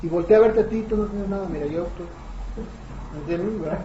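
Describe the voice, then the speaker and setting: High-voiced pastor, echoey hall. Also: male voice, quick pace, warm tone, a little hiss or hum. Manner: keeps asking the congregation rhetorical questions. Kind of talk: conversational sermon. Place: church hall. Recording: echoey, dull lo-fi church room recording.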